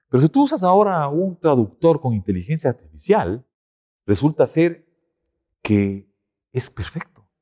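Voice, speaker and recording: A man, a podcast guest explaining things in an animated, conversational way. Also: on the low side. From Ecuador. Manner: animated explainer, lifts his voice to act out quotes. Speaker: guest expert.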